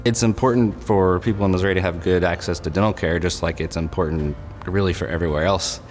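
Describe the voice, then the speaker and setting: A man speaking thoughtfully with many pauses about his patients in an interview. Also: low-pitched, steady tone. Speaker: dentist, scholarship recipient. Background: soft background music.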